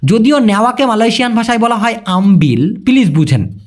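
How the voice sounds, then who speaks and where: A man with a Bangladeshi Bengali accent teaching vocabulary in a chatty spoken lesson. He repeats words slowly and keeps addressing the listener as brother. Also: high voice, animated. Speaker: language teacher.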